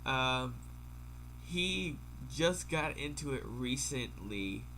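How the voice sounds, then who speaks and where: A man hosts a casual podcast with a congested, stuffy-nosed sound, as if fighting a cold. His voice is bright and forceful at an ordinary male pitch. There is faint noise behind him on the home recording. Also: animated, very slow, poor audio. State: under the weather with a stuffy nose. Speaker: podcast host.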